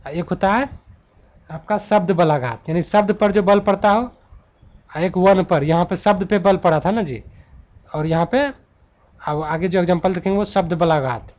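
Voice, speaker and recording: Male grammar teacher, high voice, slow drawn-out stress, asks and answers his own questions, dull recording. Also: a little mellow. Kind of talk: classroom-style lesson.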